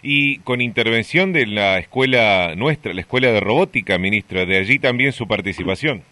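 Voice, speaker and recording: A man's voice: lowish voice, expressive, moderate pace, sharp tone, no echo. A man hosting a radio interview, asking questions in a chatty, friendly way from the studio. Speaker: radio host.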